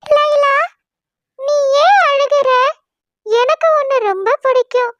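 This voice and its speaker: A woman's voice: very high-pitched, slow pace, dry recording, muffled recording, exaggerated voice. A woman voicing a kind, caring talking cloud in a cartoon story. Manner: gentle, soothing.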